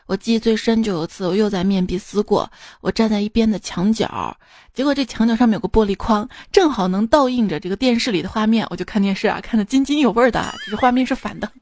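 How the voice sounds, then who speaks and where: A woman's voice: medium pitch, fast, darkish tone, no echo. A woman hosting a podcast, reading out funny anecdotes and laughing at her own jokes. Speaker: podcast host.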